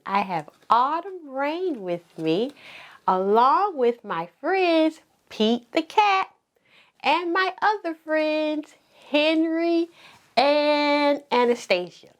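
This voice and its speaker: A woman's voice: high-pitched, animated, slow. A woman hosting a kids show, speaking in an encouraging sing-song way to small children, with simple, repeated phrases. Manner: enunciates simply with repetition. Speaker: children's circle time host. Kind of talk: kids show host, teaching preschoolers.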